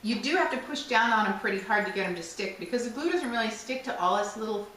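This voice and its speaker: Casual woman craft co-host, jokey, distant camera mic in a boomy room. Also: animated, fast talker, a bit bright. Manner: joking, chatty, self-mocking. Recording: echoey room, distant mic, faint hiss.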